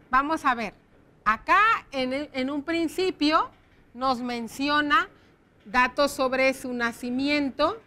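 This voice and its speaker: A woman teacher with a noticeably high voice leads a lesson for young pupils on educational television. She explains patiently and step by step, checking in with the children through frequent rhetorical questions. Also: bright, forceful tone. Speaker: primary school teacher on educational TV.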